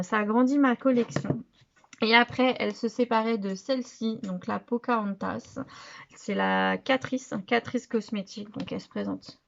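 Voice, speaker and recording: Woman rambling through a haul video, lots of ums, voice dropping off quiet, kinda muffled home recording. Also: medium pitch, gravelly. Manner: chatty, hesitant, many fillers and restarts; handling products while talking, often trailing off quietly. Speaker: beauty vlogger. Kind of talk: casual haul video chat.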